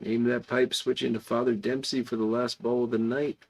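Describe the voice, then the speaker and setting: In a low-quality recording, the gravelly, creaky-voiced host of an online pipe club chats casually at a club hangout, answering viewer comments off the cuff. His mid-range voice moves little in pitch, and he speaks at a normal speed.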